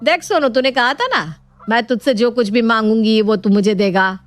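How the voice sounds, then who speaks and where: A woman's voice: a little high, moderate pace, close to an everyday voice. A woman voicing a stern, caring older mother-in-law in a cartoon story, commanding and scolding. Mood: coaxing.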